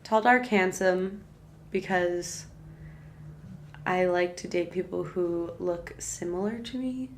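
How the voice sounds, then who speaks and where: Young female co-host, slow unhurried delivery, slightly low voice, chatty storytelling. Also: slight background noise. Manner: slow, drawn-out storytelling, lots of "like". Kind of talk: casual chat.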